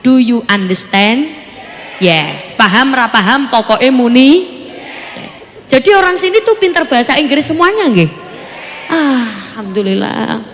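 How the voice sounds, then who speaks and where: Bright, high-voiced woman preacher. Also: expressive, a little slow, long pauses, a little hiss or hum. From Surabaya, East Java. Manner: playful, teasing questions to the audience. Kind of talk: lively sermon. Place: religious gathering before a live audience. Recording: reverberant hall with crowd.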